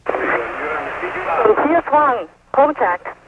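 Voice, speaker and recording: A woman's voice: sits high, wildly swooping pitch, extremely slow. A woman astronaut speaking in short calls over a radio link during a communications check. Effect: radio transmission. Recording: tinny, noisy spacecraft radio link.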